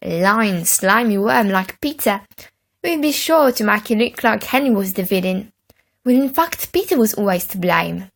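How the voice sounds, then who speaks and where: A woman narrating a children's storybook with an expressive, dramatic reading. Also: medium pitch, normal speed, vocal fry.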